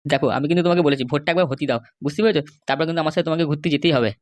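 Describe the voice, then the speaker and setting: In this comic cartoon scene, a man plays a pleading, henpecked middle-aged husband with a West Bengal accent. The voice is a little high and rapid-fire, wheedling and grumbling with a light touch of acting, recorded without echo.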